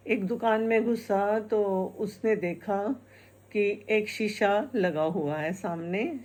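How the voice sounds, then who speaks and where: Slow, chatty woman storyteller. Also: medium pitch, darkish tone. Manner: chatty, repeats phrases, laughs at her own tale. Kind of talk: casual folk-tale storytelling.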